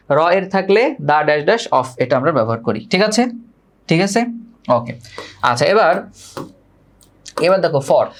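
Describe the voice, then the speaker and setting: Male classroom teacher, patient and repetitive, checks understanding often. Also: fairly high pitch. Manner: explains slowly, repeats key words, checks "ঠিক আছে?"; scolds students to pay attention. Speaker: English grammar teacher. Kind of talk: classroom lecture.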